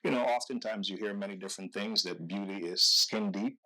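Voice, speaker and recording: A man from Guyana hosting an interview, asking questions slowly and haltingly, with many ums and repeated words. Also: fairly low pitch, bright, forceful tone, low-quality recording. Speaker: interview host.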